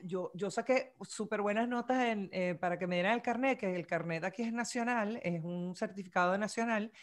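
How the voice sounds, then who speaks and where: A woman in lively casual chat, eager to add her own examples. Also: medium pitch. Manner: lively, quick to jump in.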